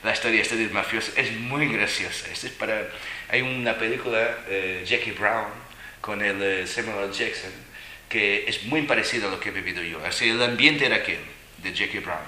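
Animated man telling stories. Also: lowish voice, normal speed. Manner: animated, laughing, playful voices when quoting. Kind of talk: storytelling to a live audience. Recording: echoey room, faint noise.

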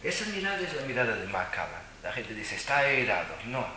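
A man telling personal stories to an audience in an animated, emphatic way, often repeating words for stress. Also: mid-range voice, a little fast, echoey room, slight background noise.

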